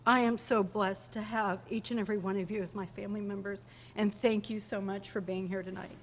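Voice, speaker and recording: A woman's voice: medium pitch, flat delivery, fairly quick, a little hiss or hum. A woman giving an emotional acceptance speech at a podium mic, tearful but joking with the audience. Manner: emotional, teary, jokes with the audience. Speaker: hall of fame inductee. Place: large banquet hall. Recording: reverberant hall, faint ambience.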